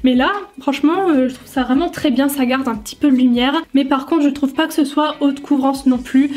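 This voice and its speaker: A woman's voice: high-pitched, steady tone, brisk, darkish tone. A young French woman chatting casually through a makeup review, thinking aloud with lots of fillers. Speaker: beauty vlogger.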